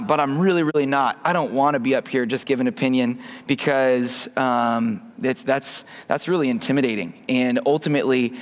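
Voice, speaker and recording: A man in his thirties, wearing a microphone in a church hall, delivers an informal sermon and prayer. He's casual and self-deprecating, often restarting sentences, and his fairly high voice trails off into long reverb.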